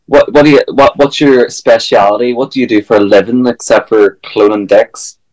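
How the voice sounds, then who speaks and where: A man's voice: mid-range voice, fairly even intonation, normal speed, darkish tone, low-quality recording. A man hosting a podcast, chatting casually and teasing his guest with playful banter. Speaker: podcast host. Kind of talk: casual chat.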